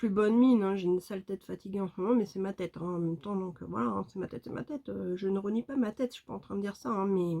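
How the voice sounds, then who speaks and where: Speaking quickly with few pauses, a female beauty vlogger chats about makeup in a dark, mid-range voice touched by vocal fry. She's casual and enthusiastic, with plenty of filler words.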